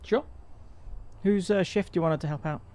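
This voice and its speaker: A man's voice: sits high, a little mellow. A man narrating and joking as game master of a tabletop role-playing game. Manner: playful, jokey, quick asides.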